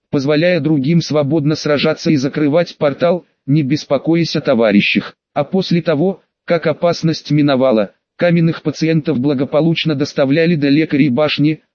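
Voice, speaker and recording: A man's voice: on the high side, a little mellow, dry recording. Man narrating a fantasy audiobook. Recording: dull, dry studio sound.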